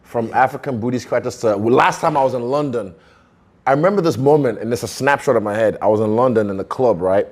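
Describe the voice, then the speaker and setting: A man co-hosting a casual chat, animated and slangy and quick to swear. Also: mid-range voice. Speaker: co-host.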